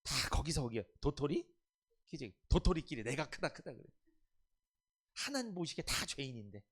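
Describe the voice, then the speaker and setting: Male pastor preaching; slightly high, animated delivery with sweeping pitch, emphatic, quizzes the flock. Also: moderate pace. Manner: emphatic, questions and coaches the congregation. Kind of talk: Sunday afternoon sermon.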